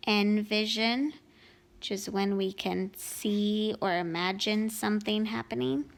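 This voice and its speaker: Slow, gravelly-voiced woman teaching grammar. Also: medium pitch, fairly even intonation. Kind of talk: grammar lesson walkthrough. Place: home.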